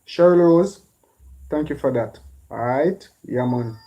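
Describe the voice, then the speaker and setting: A Jamaican man hosting a casual live stream, giving relaxed shout-outs to viewers by name. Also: medium pitch, slow pace, lo-fi sound. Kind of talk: live stream chat, reading viewer names.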